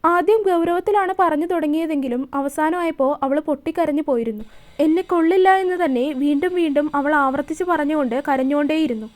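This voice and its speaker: A woman storyteller narrating a romance serial in a steady, expressive reading voice. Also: sits high, a little fast, hardly any pauses.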